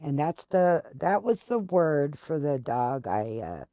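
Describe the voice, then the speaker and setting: A woman's voice: deep voice, sing-song, slow pace, warm tone, no room sound, clean studio sound. A woman hosting a gaming video, chatting casually and candidly in a rambling, storytelling way while she plays. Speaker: gaming channel host. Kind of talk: casual chat while playing a game.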